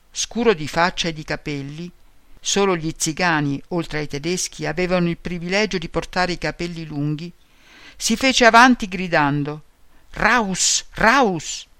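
A man reading a memoir aloud at a calm, measured pace. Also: sits high, clear, resonant tone, dry recording. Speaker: reader of a memoir.

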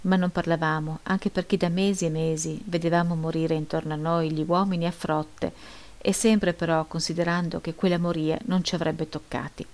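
A woman narrating first-person literary prose as an audiobook reader, with a measured, steady delivery. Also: sits low.

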